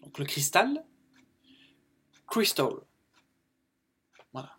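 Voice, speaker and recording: A French-speaking man teaching colour words in a casual video lesson, repeating each word and using plenty of fillers. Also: fairly high pitch. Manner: explains slowly, repeats words, many fillers. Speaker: YouTube English teacher.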